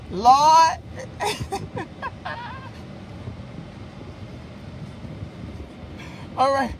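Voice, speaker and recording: A woman hosting a live stream, talking in an animated way with preachy asides and frequent laughter. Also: high-pitched. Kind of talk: casual live-stream talk. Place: hot room in Las Vegas. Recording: noisy live-stream audio.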